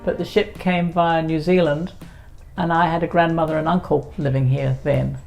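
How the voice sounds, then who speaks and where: A woman in her seventies, recounting her past in a measured, matter-of-fact way during an interview. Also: low voice, little pitch movement, a little mellow, soft background music. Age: 70s. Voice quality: creaky. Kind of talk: documentary interview.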